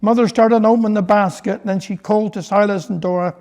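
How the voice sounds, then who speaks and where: Cornish guy w west country accent doing a folksy dialect yarn, pretty high voice for a man. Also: steady tone, fairly quick, darkish tone. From Cornwall, England. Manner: West Country dialect, folksy, character dialogue within narration. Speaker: dialect poet and storyteller. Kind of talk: dialect storytelling recitation.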